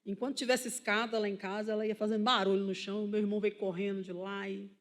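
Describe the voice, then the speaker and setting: A woman missionary preacher with a Brazilian Portuguese accent, giving an impassioned church sermon and telling her own story, shifting between loud cries and quiet asides. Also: medium pitch, level tone, fast. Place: church hall.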